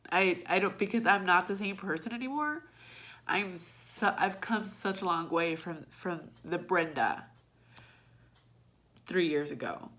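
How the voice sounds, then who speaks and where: Low-pitched woman, candid and bright-toned. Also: lively intonation, measured pace. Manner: raw, emotional and blunt, swearing freely. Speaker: vlogger. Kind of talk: candid personal vlog.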